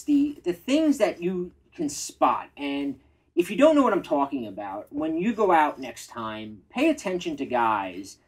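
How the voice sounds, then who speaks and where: A man giving dating advice in a measured, reflective casual chat. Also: on the high side, low-quality recording. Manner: measured, reflective, self-disclosing. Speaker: dating coach.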